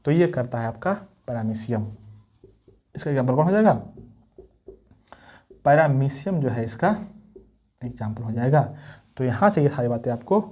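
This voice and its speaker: Mellow-voiced biology teacher. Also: male voice, medium pitch, expressive, normal speed, pauses often. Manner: asks rhetorical questions and answers them; repeats key terms, mixes Hindi and English. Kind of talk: blackboard lesson.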